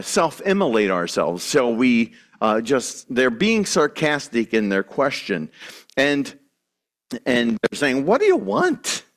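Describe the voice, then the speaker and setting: A male pastor delivers a sermon in an earnest, emphatic way. He speaks slowly and with a lively, rising and falling pitch. He often restarts his sentences and turns to address his listeners directly.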